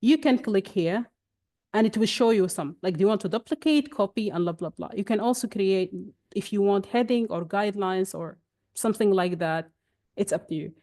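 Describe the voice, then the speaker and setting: In a webinar, a young woman whose native language is Arabic guides viewers through software on her shared screen. She speaks at a moderate pace in a mid-range voice, explaining chattily with many restarts.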